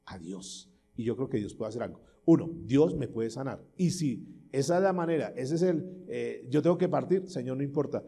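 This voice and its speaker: A man's voice: on the high side, mellow. A male pastor preaching a sermon with emphasis, asking questions of his listeners and acting out short prayers and doubting voices.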